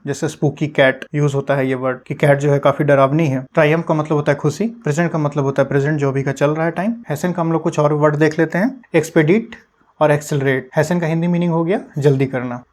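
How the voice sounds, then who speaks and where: A man's voice: on the high side, a little mellow. A young man teaching English vocabulary for exams, patiently explaining word meanings in Hindi with English terms mixed in. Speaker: exam-prep English teacher.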